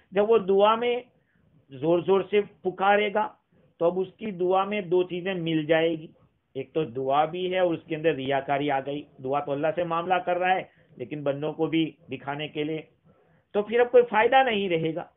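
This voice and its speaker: A man, a mufti, giving an emphatic religious lecture explaining scripture, reciting Arabic verses and adding wry asides to his listeners. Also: a little high. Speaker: mufti teaching Quran commentary. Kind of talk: religious lecture on Quran commentary. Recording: tinny phone-like lo-fi recording.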